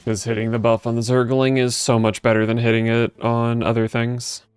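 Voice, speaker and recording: A man commentates casually on his own gameplay in a smooth, clean voice. He is dry and sardonic, muttering strategy aloud, with faint game music behind him. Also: medium pitch, completely flat delivery, moderate pace, no echo. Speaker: game streamer.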